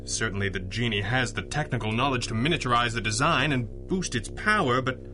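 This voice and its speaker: An actor playing a brainy, measured masked crime-fighter who is the boss, in a pulp radio drama. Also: male voice, medium pitch, bright, forceful tone, faint music behind, natural voice. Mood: thoughtful, assured. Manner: measured, articulate, dry. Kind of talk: 1930s-set pulp radio drama acting.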